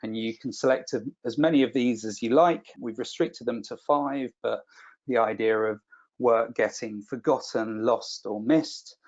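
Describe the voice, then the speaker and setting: A man's voice: medium pitch, measured pace, a little mellow. Chatty man presenting a webinar, slightly muffled. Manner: chatty, self-deprecating, repeats words when restarting.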